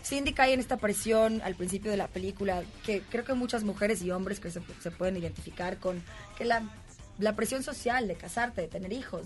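A woman from Mexico City, an actress guest telling animated stories in a casual interview chat, with music faint behind her. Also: medium pitch. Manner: animated, laughing, quick storytelling.

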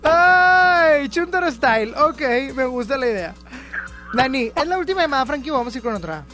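High-voiced playful Mexican woman radio host. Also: sing-song, brisk, a bit bright, soft background music. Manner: playful, teasing, laughs often. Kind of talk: casual call-in radio chat.

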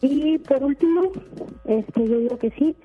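A woman's voice: sits high, unhurried. A woman calling in to a radio show over the phone, steadily listing her points. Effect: phone call heard over a radio broadcast. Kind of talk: call-in opinion on air. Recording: tinny phone line with faint music.

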